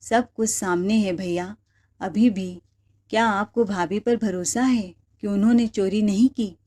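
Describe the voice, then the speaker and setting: A woman's voice: mid-range voice, steady tone, a little slow, mellow, close to an everyday voice. A woman voicing a spiteful young sister-in-law who goads her brother, in a sneering, goading manner. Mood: sly.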